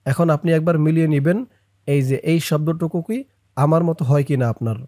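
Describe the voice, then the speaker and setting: A man's voice: on the high side, mellow, no echo, studio quality. A man teaching recitation in Bangladeshi Bengali, patiently spelling out syllables and drawing out each word for listeners to repeat. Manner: slow drawn-out chanting of words, quicker plain explanations.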